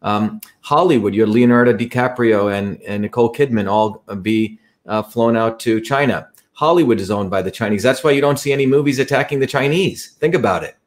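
A man's voice: medium pitch, brisk, hardly any pauses. A man hosting an interview, explaining his views at length in a lecturing way. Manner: lecturing, with frequent restarts. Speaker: host. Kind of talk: interview conversation.

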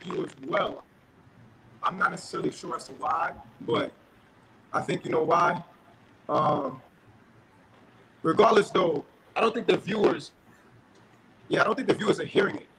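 A young man's high voice comes through a crackling phone connection, with faint hiss under it. He speaks earnestly and builds to forceful emphasis. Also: expressive, normal speed, vocal fry, pauses often. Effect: crackling phone line. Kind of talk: passionate call-in speech.

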